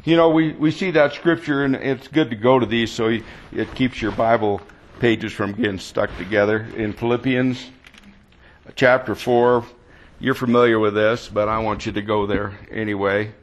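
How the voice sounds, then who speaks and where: A man's voice: fairly low pitch, fairly even intonation, normal speed, muffled recording. A man preaching a sermon in a conversational way, often asking the congregation questions and repeating words as he searches for phrasing.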